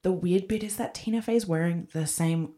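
A woman's voice: lowish voice, normal speed, warm tone. A woman in her thirties, co-hosting a podcast in a casual, rambling chat full of likes and ums. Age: 30s. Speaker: podcast co-host. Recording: echoey room.

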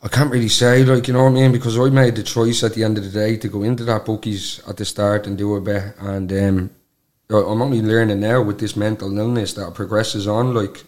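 A man's voice: on the low side, level tone, a little fast, darkish tone. A man in his twenties with a Dublin Irish accent, talking candidly in a casual interview with colloquial filler phrases. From Dublin, Ireland. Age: 20s. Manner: colloquial, peppered with "like" and "you know what I mean". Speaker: podcast guest.

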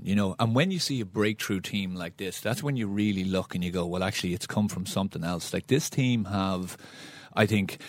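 A man's voice: fairly low pitch, no echo. An Irish man giving casual sports analysis as a former player turned pundit. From County Meath, Ireland. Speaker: former Gaelic footballer, pundit.

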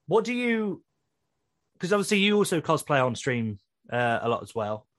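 Blunt, animated young British man. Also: fairly high pitch, moderate pace. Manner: animated, blunt, swears when joking. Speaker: podcast host. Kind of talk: casual podcast chat.

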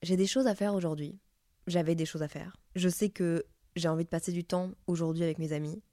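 A woman's voice: lowish voice, steady tone, a little fast, warm tone, no room sound, clean studio sound. A woman in her twenties with a French accent, hosting a casual podcast monologue and talking candidly, swearing freely. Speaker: podcast host.

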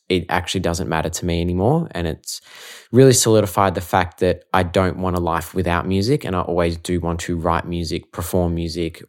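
Deep-voiced, easygoing Australian man. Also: a little mellow. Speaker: musician being interviewed. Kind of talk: casual chat.

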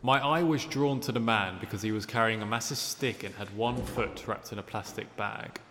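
An actor calmly reading out a witness statement in a formal, measured way. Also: male voice, lowish voice, big-room sound, slight background noise. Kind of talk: measured read-aloud statement.

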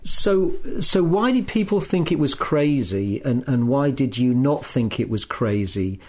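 Male podcast host, musing, stammers on starts, mid pitch. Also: lively intonation, unhurried, a little mellow. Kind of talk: podcast interview.

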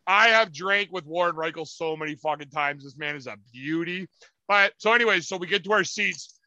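High, bright-voiced man telling stories. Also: brisk, no room sound, lo-fi sound. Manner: animated, profane, acts out quotes in loud voices. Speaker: podcast co-host. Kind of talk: casual storytelling chat.

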